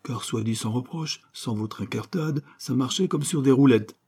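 A man's voice: medium pitch, normal speed, darkish tone, slightly rough, lightly acted. A man reading a novel aloud, voicing a bold, jovial male detective who talks in a hearty, commanding way. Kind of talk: audiobook character reading.

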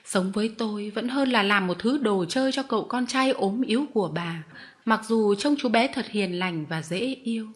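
A woman's voice: mid-range voice, moderate pace, natural voice. A woman voicing a stern, commanding old man who leads a troupe of performing dogs, in an audiobook reading. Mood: firm. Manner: curt, commanding. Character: stern old male street-show master.

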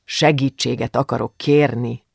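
A frantic middle-aged father trying to get his child out alive, as a male audiobook narrator plays him. His urgent, strained voice carries a gravelly rasp. The sound is dry and close, with no room around it. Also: medium pitch, steady tone, no room sound. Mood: dazed. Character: desperate middle-aged father fleeing gunfire.

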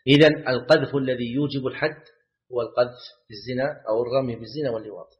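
Male religious teacher, mid-pitched voice, explanatory lecture with repeated words and questions, dull lo-fi recording. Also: fairly even intonation, fast talker. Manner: repeats key words, asks the class questions. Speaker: Islamic scholar teaching a class. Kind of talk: lecture commentary on a legal text.

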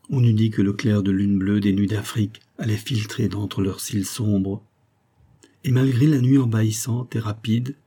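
A man reading a literary novel aloud in a measured, expressive narration. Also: fairly low pitch, breathy edge. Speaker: audiobook narrator.

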